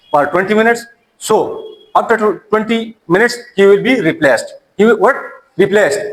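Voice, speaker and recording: High-voiced man giving a lecture. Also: a bit bright, rough recording. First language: Urdu. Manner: halting, repeats words and restarts. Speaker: teacher. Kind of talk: classroom lecture.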